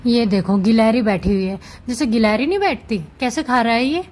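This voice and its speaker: A woman vlogging casually at home with her cats, chatting gently to viewers as she handles them. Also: a little high, a little fast. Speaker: cat vlogger. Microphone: camera set up nearby.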